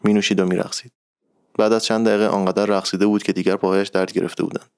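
A man narrating a literary short story in a calm, measured reading voice. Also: fairly low pitch, smooth, no echo, clean studio sound.

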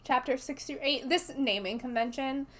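A woman's voice: high-pitched, moderate pace, fairly bright tone. A woman co-hosting a casual book podcast, chatting and laughing as she sums up chapters. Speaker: podcast co-host.

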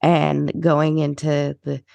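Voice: mid-range voice, monotone, slow pace, creaky, darkish tone, no echo. A podcast co-host in casual chat, rambling and meandering, with frequent swearing.

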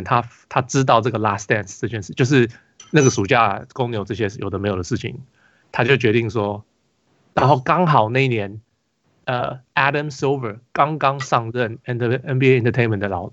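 A man's voice: medium pitch, fairly quick, fairly bright tone, no echo, highs cut off. A man with a Taiwanese Mandarin accent, hosting a casual basketball podcast, telling a rambling story full of restarts and fillers. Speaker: podcast host.

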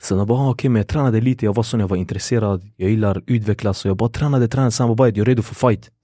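A young man spins stories in a relaxed podcast chat, slipping into the voices of people he quotes. His voice sits low and mellow. The sound is close and dry, with no room around it. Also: no room sound. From Sweden. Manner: animated storyteller acting out quoted dialogue, fillers like "du vet". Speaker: MMA fighter, guest. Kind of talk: casual storytelling interview. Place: podcast studio.

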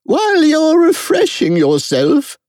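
A woman voicing a brisk, bossy chess-piece queen in a storybook reading, commanding and emphatic yet courteous. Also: high-pitched, huge pitch swings, darkish tone, no echo, clean studio sound, voice pushed up, exaggerated voice. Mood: imperious, brisk.

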